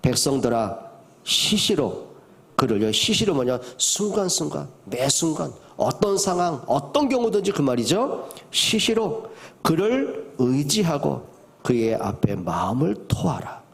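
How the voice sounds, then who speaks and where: An older man, a pastor, preaching a sermon, moving from soft to loud and asking the congregation questions. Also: a little high, big pitch swings, measured pace, gravelly.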